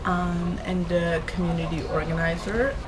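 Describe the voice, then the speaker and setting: A woman's voice: lowish voice, flat delivery, normal speed. Woman poet, reflective and explanatory interview voice, audible background noise. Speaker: poet and community organizer. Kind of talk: interview answers.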